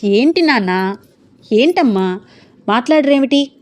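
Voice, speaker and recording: A woman puts on an earnest young man in love for a spoken story. He sounds stubborn, and the voice stays mellow and soft-edged. It is told in a warm, storybook manner. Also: on the high side, lively intonation, unhurried, voice pushed up. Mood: upset arguing.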